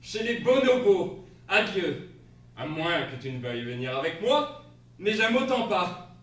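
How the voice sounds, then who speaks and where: A man voicing a calm middle-aged husband who is leaving his old life. He speaks in short, flat, unbothered lines in a stage monologue. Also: sits high, measured pace. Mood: calm, curt. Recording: echoey stage, distant mic, faint hiss.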